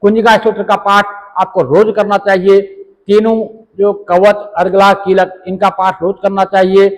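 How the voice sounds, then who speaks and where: High-voiced man teaching devotional practice. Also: level tone, moderate pace, in a large hall, rough recording. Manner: rambling, repeats "jo hai" fillers, recites Sanskrit mantras. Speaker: religious teacher. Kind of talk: devotional instruction.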